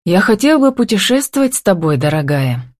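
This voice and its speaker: A woman's voice: mid-range voice, big pitch swings, fairly quick, a little mellow, dry recording, pitched above the performer's own voice. A woman reading an audiobook and voicing a confident, wealthy businessman who teases and gives orders in a drawling, playful way, recorded dry and close.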